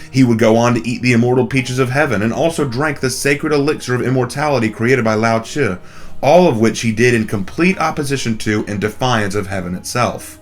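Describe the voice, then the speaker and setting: A man hosting a scripted explainer video, his voice slightly off from a cold. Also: mid-range voice. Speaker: video host.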